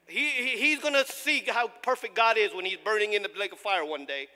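A male pastor who grew up in the United States, preaching a sermon with impassioned, shouted emphasis and frequent stumbles. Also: high voice, brisk. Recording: long reverb of a large hall.

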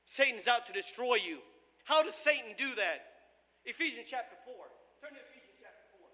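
Man raised in the US, preaching hard in a church; piercing bright tone, stumbles and shouts for emphasis. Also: very high voice, expressive, normal speed. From United States. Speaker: pastor. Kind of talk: sermon. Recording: long reverb of a large hall.

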